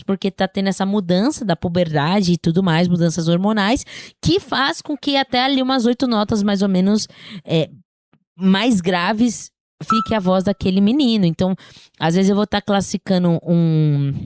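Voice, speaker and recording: This singing teacher has a lowish, darkish voice, recorded cleanly in a studio with no echo. Slightly sore in the throat, she explains things casually and chattily, often pausing to check on her listeners.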